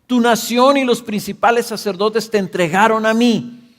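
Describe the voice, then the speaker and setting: A man's voice: high voice, normal speed, fairly bright tone, long reverb tail, pitched above the performer's own voice. A man reading out the questions of a Roman governor in a scripture reading, with pressing, rising questions. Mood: questioning.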